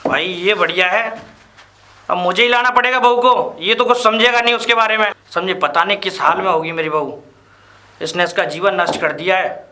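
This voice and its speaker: A man's voice: high voice, moderate pace, bright, forceful tone. An actor playing a stern village father and former headman, lecturing his son and keeps asking if he understands. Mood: exasperated. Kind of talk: amateur web drama acting.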